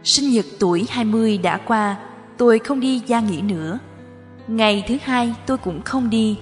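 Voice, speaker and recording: A woman reads a first-person memoir aloud with a measured, emotional delivery. Her voice sits a little high, and a long hall reverb hangs around it. Faint music plays beneath the narration. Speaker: audiobook narrator.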